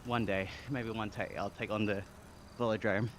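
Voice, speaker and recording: A young Australian man from Sydney chatting casually on a live stream, relaxed and talkative as he reads and answers chat. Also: fairly low pitch, moderate pace. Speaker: livestreamer. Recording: clear background noise with insects.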